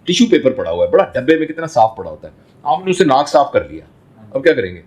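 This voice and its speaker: Male doctor, interview guest, fatherly, lively intonation, rhetorical questions. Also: medium pitch, breathy edge. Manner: explains through everyday examples and rhetorical questions; fatherly, addresses listener as son. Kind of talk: reflective interview answer.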